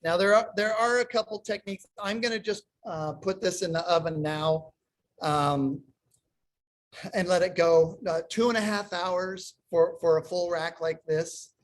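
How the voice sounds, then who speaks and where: A man's voice: high-pitched, fairly even intonation, a little slow. A man teaching a live online cooking demonstration over a video call, explaining step by step while he works, his audio cutting in and out with uneven volume. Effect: audio cutting in and out, uneven volume over an unstable internet call. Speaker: cooking instructor.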